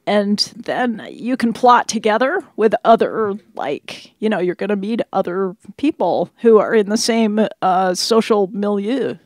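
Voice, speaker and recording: A woman's voice: medium pitch, expressive, unhurried, hardly any pauses, darkish tone, no echo, clean studio sound. A woman co-hosting a radio show in casual chat, playful and teasing. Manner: teasing, playful back-and-forth. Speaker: radio co-host. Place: radio studio.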